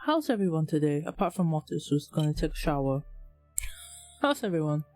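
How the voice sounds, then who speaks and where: A woman's voice: sits low, a little fast, dry recording, soft background music. Laid-back woman streamer with a lisp. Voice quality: slight lisp from candy in her mouth. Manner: relaxed, rambling, chatty with viewers. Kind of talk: casual live-stream chat.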